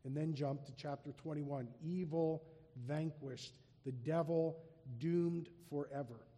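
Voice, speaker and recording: A man preaching a sermon, reading scripture aloud with rising emphasis and slowing down on key phrases. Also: fairly high pitch, fairly even intonation, mellow, in a large hall. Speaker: pastor.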